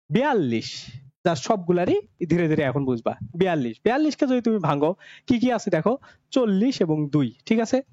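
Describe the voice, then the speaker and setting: A man's voice: sits high, darkish tone, no echo. A man teaching an admission test class. He talks in a colloquial, coaxing way, asks questions and answers them himself, and often checks "ঠিক আছে?". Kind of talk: online class lecture. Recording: dull, dry lo-fi sound.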